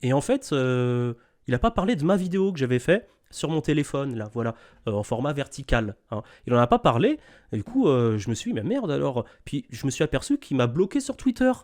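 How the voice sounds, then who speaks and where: A man's voice: medium pitch, very animated, fairly quick, darkish tone. A man giving informal, off-the-cuff reaction commentary, scornful and lecturing, checking in with short tag questions. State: sick.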